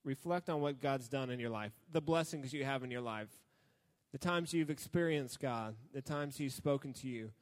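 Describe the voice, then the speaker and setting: A young man giving a casual youth sermon as youth pastor, relaxed and prone to joking asides. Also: medium pitch, moderate pace, big-room sound. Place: church hall.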